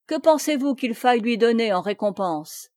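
A woman's voice: on the high side, lively intonation, normal speed, darkish tone, no room sound, clean studio sound, close to an everyday voice. A woman reading aloud as an arrogant male Huguenot captain and nobleman who gives haughty, commanding orders.

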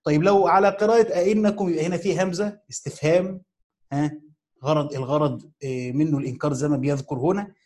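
In this classroom lesson, an Egyptian Arabic-accented man explains a text by reading its commentary one phrase at a time. His voice is fairly high, a little mellow, and fairly even in intonation, and he slowly repeats key words and asks his students rhetorical questions.

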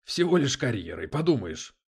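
A man voicing a brash male police detective who talks in crude slang, loud and sarcastic. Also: on the low side, big pitch swings, normal speed, husky. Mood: mocking.

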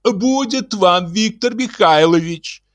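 A man's voice: medium pitch, animated, moderate pace, pushed and bright, husky, no echo. A man voicing an anxious, emotional middle-aged woman fortune-teller who pleads breathlessly. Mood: anxious pleading.

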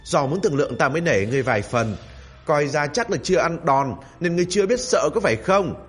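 Man voicing a young taoist exorcist, bold, hot-tempered, husky, faint music behind. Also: medium pitch, animated, normal speed, a bit bright. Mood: furious. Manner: polite at first, then cursing angrily.

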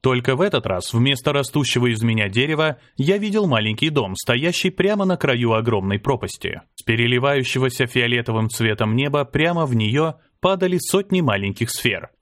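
A man narrating a first-person fantasy audiobook, with dramatic delivery that rises for shouted lines. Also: very animated, fairly quick, hardly any pauses, no room sound, clean studio sound. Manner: dramatic, lifts pitch and volume for shouted lines.

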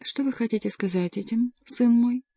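A woman reading an audiobook, voicing a cold, composed older queen mother who talks calmly and detached. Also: fairly high pitch, moderate pace, breathy edge, dry recording, voice pushed up. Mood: cool. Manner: calm, cool, detached.

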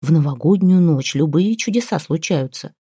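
A woman's voice: low voice, lively intonation, moderate pace, warm tone, slightly rough, no room sound, studio quality. A woman voicing an earnest, sympathetic woman friend.

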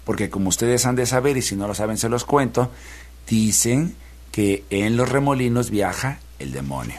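A man reads an old folk tale aloud in a radio studio. His pitch sits in the middle, and his telling is unhurried and folksy, turned toward the listeners. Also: expressive, a little mellow. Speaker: radio storyteller. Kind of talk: storytelling reading aloud.

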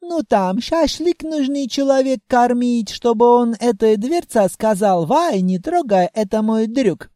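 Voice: sits high, takes it slowly, no echo, studio quality, voice pushed up. A reader doing a boisterous wizard innkeeper. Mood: sly. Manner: broken Russian, loud exclamations, effusive hospitality. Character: jolly male blue-skinned wizard, kebab-house owner. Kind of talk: audiobook character voice.

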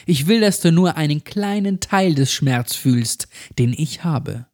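Voicing a tortured little girl in a horror tale, a man uses a raised, thin voice that shifts from weak to furious, turning bitter, accusing and vengeful. His delivery is unhurried and expressive, fairly high-pitched with a darkish tone.

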